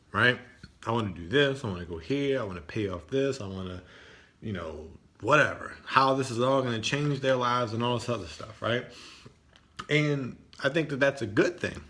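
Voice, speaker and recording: A man's voice: mid-range voice, fairly bright tone. A man hosting a live stream in a casual, conversational way, still in his morning voice and often checking in with listeners with "right?".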